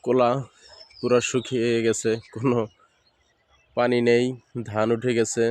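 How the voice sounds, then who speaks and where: Here a village video host from Barisal, Bangladesh, talks in a mid-range, darkish voice that stays monotone and unhurried, with no echo. Strolling outdoors among village fields in the morning, he speaks with a Barisal Bengali accent, giving casual walking-tour narration and explaining local words for his viewers.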